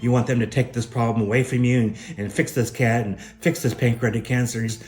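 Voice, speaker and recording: A man's voice: medium pitch, fairly even intonation, a little fast, darkish tone. A middle-aged man telling a personal spiritual testimony in an earnest, emphatic, preacher-like way. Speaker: spiritual speaker sharing a testimony.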